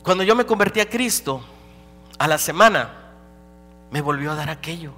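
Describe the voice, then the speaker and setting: A man preaching a dramatic personal testimony as a pastor, swinging between loud and hushed. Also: fairly high pitch, lively intonation, moderate pace. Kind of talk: sermon testimony. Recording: live hall recording with reverb and hum.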